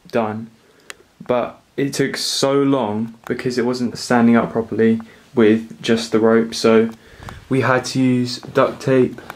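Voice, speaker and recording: A young man casually narrating a DIY build in a relaxed, rambling way, recorded on a camera mic in a living room. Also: mid-range voice, slight background noise, poor audio. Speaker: vlogger.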